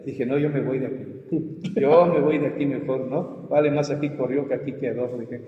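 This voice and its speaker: A man's voice: medium pitch, normal speed. A male pastor telling his testimony in a conversation, acting out the voices of the people in his story. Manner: animated storyteller, acts out his own cries and quoted voices. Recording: muffled, echoey room with long reverb.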